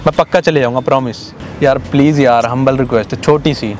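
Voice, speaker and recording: A man's voice: medium pitch, fairly even intonation, fast, a little mellow, slight background noise. A young man hosting a prank in a park, first begging politely, then teasing and threatening. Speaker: prankster host. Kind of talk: prank video banter. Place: outdoor park.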